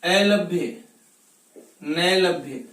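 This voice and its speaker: Slow, deliberate woman teaching grammar. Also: lowish voice, fairly bright tone, far from the mic. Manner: repeats each example word and answers their own questions. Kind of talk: recorded grammar lesson. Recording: roomy echo, voice set back from the mic.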